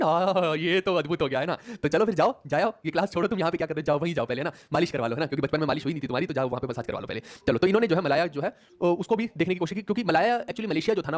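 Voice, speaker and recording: A male history teacher giving an online exam-prep class in Hindi mixed with English, teasing students and often asking "है ना?" to check in. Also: fairly high pitch. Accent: Hindi with English words mixed in. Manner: rapid, teasing, repeatedly checks in with "है ना?"; jokes with students mid-lesson.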